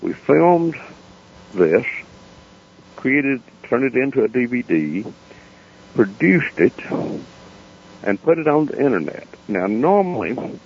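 A man with an Appalachian accent telling stories off the cuff as a radio interview guest, folksy, plain-spoken and unhurried. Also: medium pitch, very animated, husky. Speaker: interview guest, founder of a foundation. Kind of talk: unscripted storytelling in a radio interview. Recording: dull lo-fi radio interview sound.

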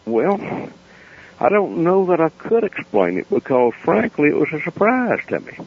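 A gravelly, fairly high-pitched man with an Appalachian accent, the founder of a foundation, tells unscripted stories as a guest on a radio interview. He's very animated yet folksy, plain-spoken, and unhurried. The radio interview audio sounds dull and lo-fi.

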